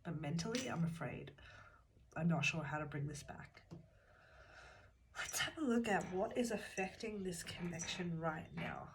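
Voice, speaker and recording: A woman from Australia reads tarot cards for a pick-a-card session, talking earnestly and calmly to the viewer in a lowish, unhurried voice with long pauses. Because she has a cold, her voice comes and goes. The recording carries loud background noise of shuffling cards and clicking.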